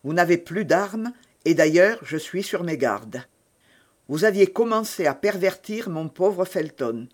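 A stern, coldly threatening baron, as a man reads him aloud, delivering orders slowly and deliberately. His voice sits a little high and stays measured. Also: expressive. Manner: measured, menacing.

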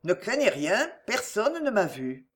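A woman voicing an ardent, smooth-talking English gentleman who pleads and flatters as he courts a young woman in a storybook reading. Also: mid-range voice, a little slow.

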